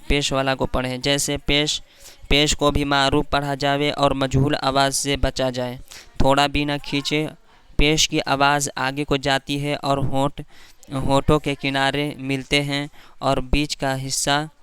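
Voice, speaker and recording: A man teaching a Quran reading lesson, reciting letters slowly one by one and explaining each rule with patient repetition. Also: medium pitch, a bit bright, clear, resonant tone, no room sound. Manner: slow drawn-out letter recitation between explanations.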